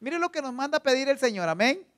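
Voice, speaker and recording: A man's voice: very high voice, very animated, fast talker, a bit bright. A man preaching a church sermon with emphasis, leaning on rhetorical questions and addressing the congregation directly. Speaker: pastor.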